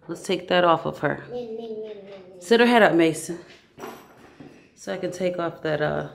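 A mother in her thirties narrates her family vlog on a handheld camera, chatting playfully with her baby and kids in a hotel room, the lobby and city streets. Her voice is lowish and creaky, and she speaks a little slowly.

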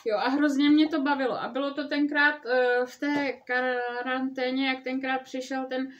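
A woman's voice: sits high, level tone, lo-fi sound. A mother chatting casually about a children's book and reading it aloud, talking with many hesitant fillers.

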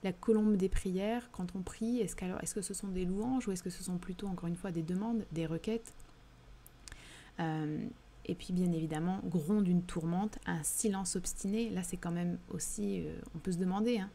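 A woman with a southern French accent leads a live discussion of poems, pausing often and restarting her phrases as she thinks aloud. Her voice sits slightly low and sounds warm and mellow. A faint hiss runs under the recording. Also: fairly even intonation, creaky. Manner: thoughtful, hesitant, many fillers and restarts. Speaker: literary livestream host. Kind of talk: live book discussion reading chat questions.

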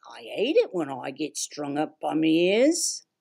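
A woman's voice: low-pitched, huge pitch swings, unhurried, vocal fry, dark tone, husky, pitched below the performer's own voice, exaggerated voice. A woman voicing complaining henchmen who whine about their boss. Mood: grumbling. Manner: whiny complaining. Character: grumbling put-upon male henchmen.

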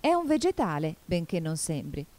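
A woman's voice: fairly low pitch, big pitch swings, moderate pace, mellow. A woman voicing a polite, earnest little girl in a storybook.

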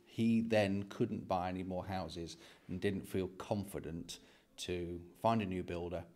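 A British man in his forties hosts a property vlog, casually explaining things to camera inside an empty house. His voice is deep and a little mellow, with a steady tone and a slightly slow pace, picked up by a handheld phone held at arm's length.

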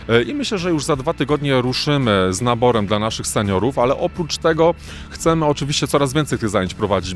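A man speaking informally in an interview as a representative of a swimming school. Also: mid-range voice.

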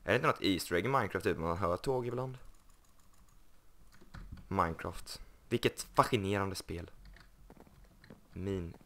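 Low-voiced and sharp-toned, this young man chats casually over his game as a YouTuber doing a Let's Play, leaving long pauses between lines. He jokes around, pokes fun at himself, and slips into goofy voices.

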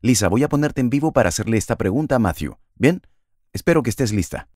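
A man's voice: mid-range voice, animated, fast, a little mellow, no echo, clean studio sound. A man in his forties hosting an interview over a video call, asking questions with enthusiasm. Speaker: host. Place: home office. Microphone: video call with earphones.

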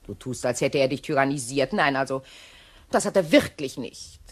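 Voicing an imperious, genteel middle-aged widow in a radio play, an actress speaks at an extremely low pitch, measured and coolly sardonic yet expressive. She conveys cool reproach.

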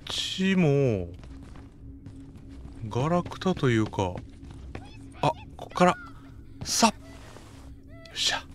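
A man with a Kansai accent giving casual running commentary while playing a game, often telling a character to be quiet. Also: medium pitch, sing-song, slow, long pauses. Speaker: game streamer. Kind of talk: casual let's-play commentary.

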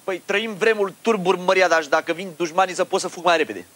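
A man's voice: sits high, natural voice. A man playing a cowardly, boastful, foolish boyar who whines and rambles. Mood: flustered. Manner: whiny, yelps and rambles. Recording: loud background noise.

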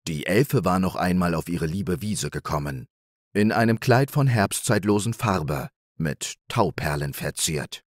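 A man narrates a bedtime fairy tale in a low, slow, soothing voice. His melody still moves widely to keep the story alive. The recording is dry and close. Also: lively intonation, no room sound. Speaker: audiobook reader.

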